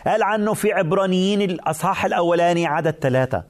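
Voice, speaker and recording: A man's voice: sits high, animated, rapid-fire. A man with an Egyptian Arabic accent preaching a sermon, speaking earnestly and addressing the listener directly with repeated phrases.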